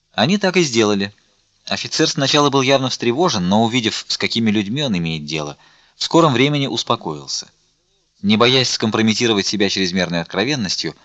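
A man narrating an audiobook in a steady, clear reading. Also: fairly low pitch, no echo, dull audio. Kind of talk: scripted narration.

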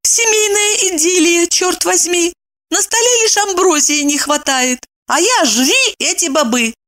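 Sulky hungry wife on a diet, high and grumbly, reader doing her. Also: lively intonation, a little slow, sharp tone, no room sound, studio quality, full character voice. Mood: grumbling. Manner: indignant muttering asides.

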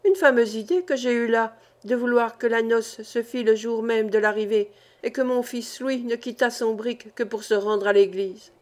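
A woman doing a jolly, excitable old sailor. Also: moderate pace, natural voice. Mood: jubilant. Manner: excited, exclamatory, high and loud. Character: jovial vigorous old male sailor in his sixties.

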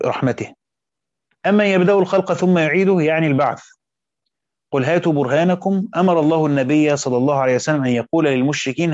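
A man, reading a classical Quran commentary aloud and pausing to explain passages. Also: mid-range voice, a little mellow, dry recording. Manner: reads quotes aloud, adds brief spoken asides. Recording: dull dry lo-fi recording.

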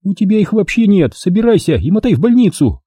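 A man reading an audiobook, putting on the voice of a sharp-tongued, scolding woman. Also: very animated, fast, husky, no echo, studio quality, full character voice. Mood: exasperated. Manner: shrill, mocking, bossy. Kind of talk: audiobook character voice.

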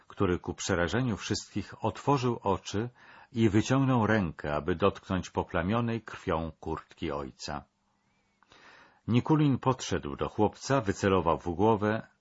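Man narrating a history documentary, deep husky voice, measured and dramatic, dull lo-fi sound.

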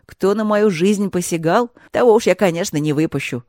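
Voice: mid-range voice, normal speed, no room sound, clean studio sound, natural voice. A reader voicing a fearless, cheerful young man, a woodcutter's son, in an audiobook fairy tale. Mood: cheeky bold. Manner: lively, cheeky and fearless.

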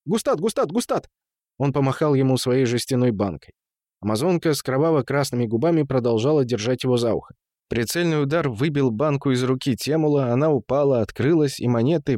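A man reading an audiobook in measured storytelling, voicing the characters. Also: medium pitch, a little mellow, dry recording, clean studio sound. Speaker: narrator. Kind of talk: audiobook narration.

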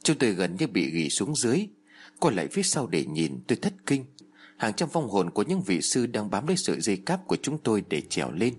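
Husky man telling a horror tale. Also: very animated, fairly quick. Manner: acts out the characters' shouts and pleas with raised pitch. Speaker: storyteller. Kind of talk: dramatic horror story narration.

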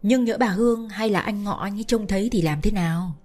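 A woman reading a story aloud, voicing a gentle, heartbroken young man who speaks in sorrowful, resigned tones. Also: medium pitch, a little fast, faint music behind, close to an everyday voice. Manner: sorrowful, choked pleading.

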